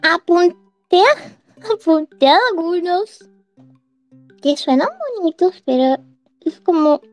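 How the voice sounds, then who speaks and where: A woman streamer talks casually to her listeners in a high voice, with a slow, unhurried pace. She rambles and keeps breaking into giggles. The sound is dry and close. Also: no room sound, faint music behind. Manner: giggly and rambling, laughs often between phrases. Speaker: streamer hosting a live audio chat.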